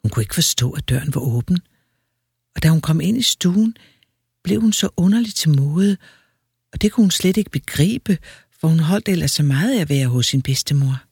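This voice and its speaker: Breathy man reading a fairy tale. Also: on the high side, no echo, studio quality. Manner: lively, expressive storytelling. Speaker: storyteller.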